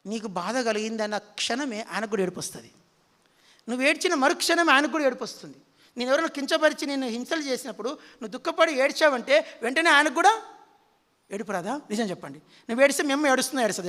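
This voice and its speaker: Preacher, male, very high and forceful voice, keeps quizzing the congregation, long reverb of a hall. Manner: quizzes the audience with repeated questions. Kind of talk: sermon.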